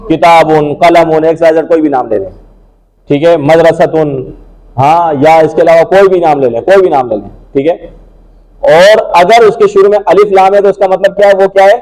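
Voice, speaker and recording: A male teacher runs a grammar drill in a classroom. He projects loudly across the room and keeps pressing the students with repeated questions until they answer. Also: on the high side, rough recording.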